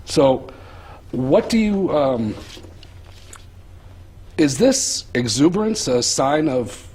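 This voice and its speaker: A man's voice: on the high side, big pitch swings, slow, darkish tone, husky. A man hosting a political talk show, hesitant and full of fillers as he introduces topics and questions his guest. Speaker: host.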